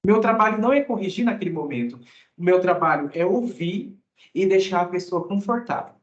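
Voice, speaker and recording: Higher-voiced male teacher in an echoey room. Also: lively intonation, a little fast. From Mato Grosso, Brazil. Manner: conversational, often ends phrases with a questioning tag. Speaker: English teacher. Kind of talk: casual explanatory talk to students. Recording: echoey room, dull lo-fi sound.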